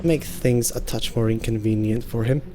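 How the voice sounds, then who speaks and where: A man hosting a gaming channel, calmly thinking aloud through his tactics as let's-play commentary. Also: medium pitch, normal speed. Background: game music.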